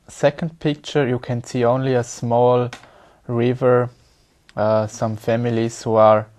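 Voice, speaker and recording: A man's voice: mid-range voice, a little mellow. A young man from Switzerland, an exam candidate speaking hesitantly and repeating words as he searches for English.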